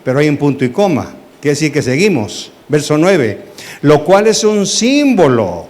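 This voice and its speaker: A man's voice: fairly high pitch, a little slow. A man, a pastor teaching a Bible study sermon, asking the congregation questions and acting out dialogue. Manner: animated, asks the congregation questions, acts out dialogue.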